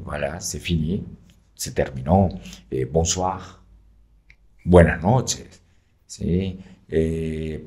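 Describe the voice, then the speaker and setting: Male teacher, very low voice, unhurried, patient explainer. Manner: patient, frequent fillers, checks in with "¿sí?". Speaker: French teacher. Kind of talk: explaining in an interview.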